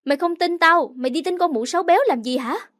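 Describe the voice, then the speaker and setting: A woman's voice: very high voice, fast, fairly bright tone, dry recording, clean studio sound, voice pushed up. A woman doing a blustering, defensive brother. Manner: rough, blustering. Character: brash, defensive young man, the narrator's brother.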